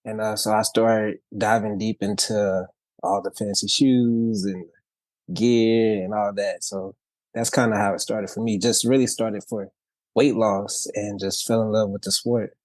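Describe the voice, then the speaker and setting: A low-voiced man from Louisiana chats in an easygoing, upbeat way. He is a podcast guest telling his own story, and the sound is dry and close. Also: little pitch movement, a little slow, darkish tone, no echo. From Louisiana, grew up in Texas. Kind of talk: casual conversational storytelling.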